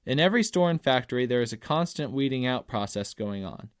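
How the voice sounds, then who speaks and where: Man reading an essay, dry and measured. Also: medium pitch, animated, no room sound. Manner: measured, emphatic, slows on key phrases. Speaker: audiobook narrator. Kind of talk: scripted narration of an essay.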